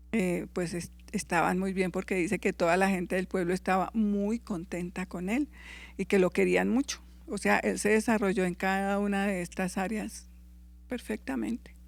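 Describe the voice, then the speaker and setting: Speaking at a medium pitch with fairly even intonation, this Bible teacher sounds unhurried and creaky. In class they read scripture aloud, fix verse references they got wrong, and ask listeners quick tag questions to check in.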